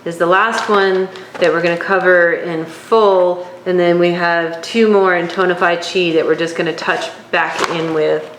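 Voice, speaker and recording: A woman teaching a course, working through her notes at an unhurried pace with occasional fillers. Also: lowish voice, fairly even intonation. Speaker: instructor. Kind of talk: lecture on herbal oils. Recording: echoey room, faint background hum.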